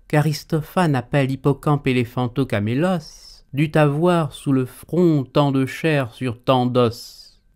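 A proud swordsman-poet, acted out by a man, declaims theatrical verse in a medium-pitched voice. He takes his time over each phrase, mocking and witty, changing tone with showy stage flair. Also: darkish tone, natural voice. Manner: declamatory, shifting tone from line to line. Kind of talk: theatrical French verse monologue.

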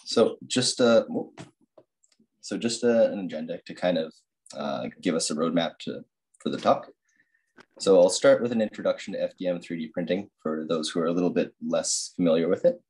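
Young guy, really low voice, doing a student talk over a screen-recorded call, lots of uhs and restarts. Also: darkish tone. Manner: halting, many fillers and restarts. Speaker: master's student presenter. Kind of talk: academic slide presentation.

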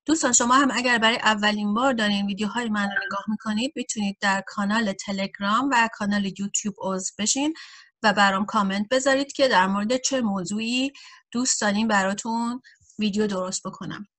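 A woman teaching a German grammar lesson, addressing viewers directly and saying example sentences slowly and carefully for learners. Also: medium pitch, steady tone, a bit bright. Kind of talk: grammar lesson explained in Persian.

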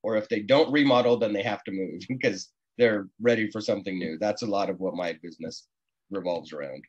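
The recording sounds muffled as an easygoing contractor in his forties talks casually as a video call guest from a small indoor room. He speaks fairly quickly in a lowish voice with a breathy edge, through a computer mic.

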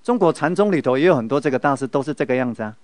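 A middle-aged man with a Taiwanese Mandarin accent delivers a Buddhist lecture in a medium-pitched voice. He tells stories and keeps checking in with his listeners through rhetorical questions. The recording is dry, with almost no room sound. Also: animated, racing, a little mellow, no room sound. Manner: storytelling, with many rhetorical questions to the audience. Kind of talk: spiritual lecture.

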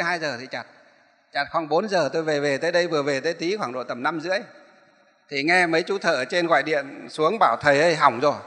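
Brief: high, bright monk telling a sermon story, rambling, hall echo. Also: male voice. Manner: rambling, repeats and corrects himself. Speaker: Buddhist monk, abbot. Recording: echoey hall.

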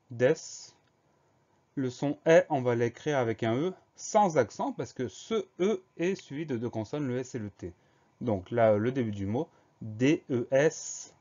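A man's voice: mid-range voice, highs cut off. A man teaching a spelling lesson, patiently explaining each word and spelling it out letter by letter.

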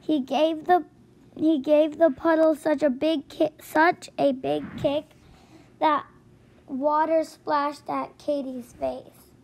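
A woman with a high voice reads a children's storybook aloud. She goes slowly and carefully, now and then catching a word and starting it again. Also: level tone, creaky, darkish tone, rough recording. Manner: careful, with slips and restarts. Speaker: storybook reader. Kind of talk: reading a children's book aloud.

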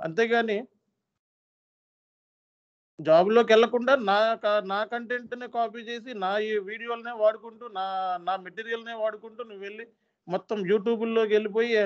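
A man in his thirties, an SAP training instructor, making a stern, earnest appeal to his trainees and repeating points for emphasis. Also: high voice. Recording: dull lo-fi sound.

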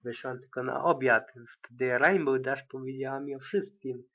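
A fretful, theatrical young unicorn mare who gushes over every small thing, as a man reading the story puts her on. Her pitch sits in the middle range, never strained high. The sound is thin and tinny, like it comes down a phone line. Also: steady tone, moderate pace, close to an everyday voice. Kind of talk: amateur audiobook reading.

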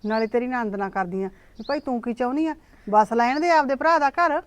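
A woman's voice: fairly high pitch, fairly quick, lightly acted. A woman playing a scolding village aunt. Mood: stern. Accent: Punjabi. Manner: scolding, reassuring. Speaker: older aunt consoling her niece. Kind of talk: village drama dialogue.

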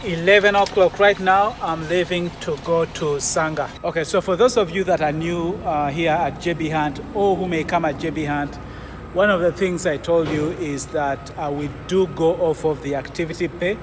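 A man around forty who vlogs as a truck driver offers viewers advice in a casual, explanatory way, his voice on the high side, steady in tone and at normal speed. He films mostly inside his cab, sometimes outdoors, on a phone or camera held at arm's length, and the recording is noisy with vehicle sounds.

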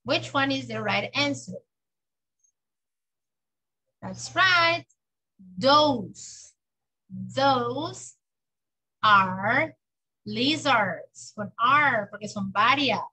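A woman teaching English to children, patiently drilling words slowly and clearly in a bilingual lesson. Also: fairly high pitch, expressive, pushed and bright, low-quality recording. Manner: patient, exaggerated slow pronunciation for children. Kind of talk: bilingual classroom lesson, slow drilled repetition.

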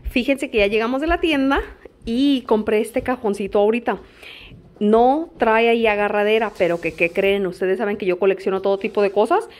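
A middle-aged woman with a Mexican Spanish accent, chatting playfully and teasing as she talks to her viewers. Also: fairly high pitch. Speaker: vlogger. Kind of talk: casual vlog chat to viewers. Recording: steady background noise.

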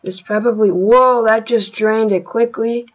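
A woman casually narrating her gameplay as a channel host, rambling with many fillers and sudden excited outbursts. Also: on the high side, measured pace, dull audio.

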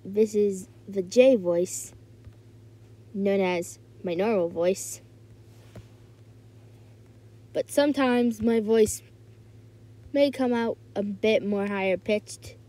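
A woman's voice: medium pitch, steady tone, takes it slowly, pauses often, warm tone. A woman talking casually to her viewers as a video creator, playful and rambling. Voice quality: playful, rambling, self-correcting. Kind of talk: casual talk to camera.

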